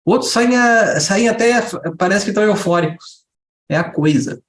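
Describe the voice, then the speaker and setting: A man with a high voice gives an animated spiritual talk to a group. He asks rhetorical questions and jumps into quick little impressions of a child and its mother as he explains. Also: roomy sound. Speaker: spiritual teacher.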